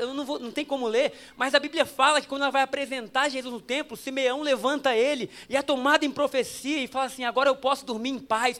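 A Brazilian man in his thirties preaches with a strikingly high voice. He tells funny family stories straight to the congregation, drops to a hush and then comes back forceful. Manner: humorous storytelling, addressing the congregation directly; animated, swinging between hushed and emphatic. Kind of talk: sermon.

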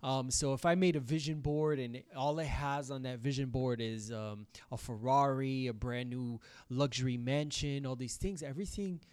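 A man's voice: medium pitch, normal speed, few pauses, darkish tone, clear, resonant tone, dry recording. A man co-hosting a casual podcast discussion, speaking conversationally and asking rhetorical questions. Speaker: podcast co-host.

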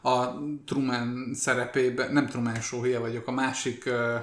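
A man's voice: medium pitch, little pitch movement, fairly bright tone. A man co-hosting a podcast, chatting casually about films in an emphatic, strongly opinionated way. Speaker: podcast co-host. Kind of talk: casual film chat. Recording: roomy echo.

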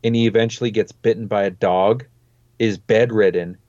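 A man co-hosting a podcast talks at a moderate pace in a lowish, darkish voice that holds a steady tone. He meanders casually, leaning heavily on "like" and "you know." There's no room sound, just a dry, dull lo-fi mic.

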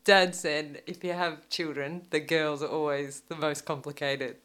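Low-voiced woman with broad North Queensland Australian accent. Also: little pitch movement, unhurried, fairly bright tone. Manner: informal, laughs readily. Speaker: returning podcast guest. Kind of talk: casual interview chat.

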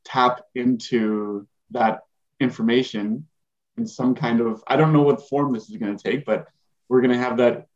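A podcast co-host chats casually, speculating eagerly and laughing as he goes, full of enthusiasm. His mid-range voice holds a steady tone at a moderate pace. The lo-fi audio is slightly dull.

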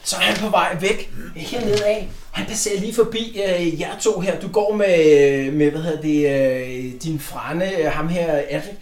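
A man narrating as game master, halting often with fillers as he describes the scene. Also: on the high side, reverberant. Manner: hesitant, many fillers.

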